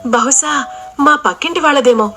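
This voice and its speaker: Woman voicing a young wife, pleading, raised high voice, bright. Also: normal speed. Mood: shocked. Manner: pleading, anguished. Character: young wife, loyal, hopeful then betrayed.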